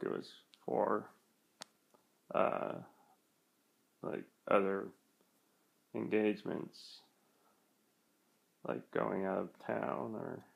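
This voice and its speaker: Very slow, creaky-voiced young man, sounding unwell. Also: deep voice. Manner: halting, hesitant, trailing off. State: feeling sick, achy and nauseous. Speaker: vlogger. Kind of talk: casual vlog talk.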